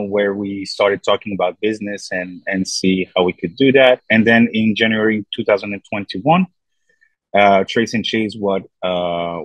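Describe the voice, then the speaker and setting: A man from Belgium with a Belgian French accent, chatting as a podcast guest, relaxed and rambling with many fillers. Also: lowish voice, no room sound, poor audio. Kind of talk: casual interview chat.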